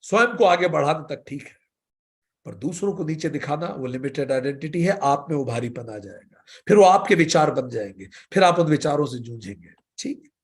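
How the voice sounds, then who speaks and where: A man teaching yoga philosophy in a spiritual lecture, guiding with questions and stories and reciting sutras slowly. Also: fairly high pitch, animated. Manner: slow, measured recitation of sutras.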